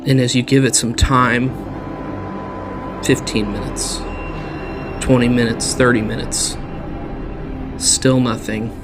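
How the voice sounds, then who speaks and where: A man narrating a tabletop game as dungeon master in a slow, deliberate storytelling manner. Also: medium pitch.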